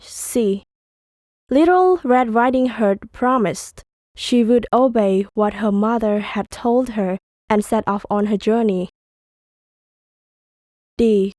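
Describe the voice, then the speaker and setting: A woman reading lettered story sentences slowly and carefully for a textbook audio, in a dry, close recording. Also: fairly high pitch, dry recording. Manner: slow, careful, even reading. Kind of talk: scripted reading.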